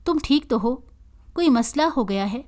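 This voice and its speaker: A woman's voice: on the high side, lively intonation, measured pace, darkish tone. A woman voicing a loyal young male friend who reassures the hero, in a read-aloud story. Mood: concerned.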